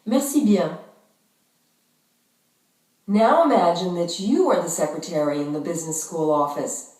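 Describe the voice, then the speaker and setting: A woman narrating instructions for a language-course listening exercise in a measured, instructional way, heard from far off in an echoey room. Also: fairly low pitch, darkish tone.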